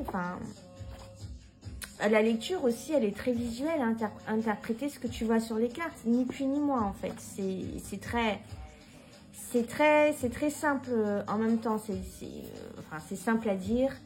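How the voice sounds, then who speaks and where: A woman's voice: fairly high pitch, a little mellow, poor audio. A woman talking casually to her viewers as a tarot reader, hesitant, with many fillers and restarts, frank and informal. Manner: frank and informal, mild swearing. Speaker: tarot reader presenting books. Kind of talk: casual vlog talk.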